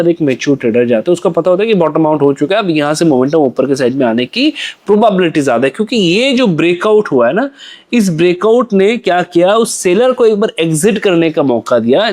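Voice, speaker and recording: A man's voice: a little high, a little mellow. A young man explaining trading charts as a lesson, asking questions and answering them himself, repeating phrases for emphasis. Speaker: trading educator.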